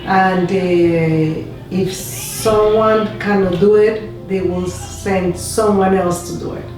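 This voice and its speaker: A woman's voice: medium pitch, steady tone, takes it slowly. Earnest woman, echoey. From Colombia. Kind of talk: casual interview answers. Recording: echoey room, distant mic, faint music.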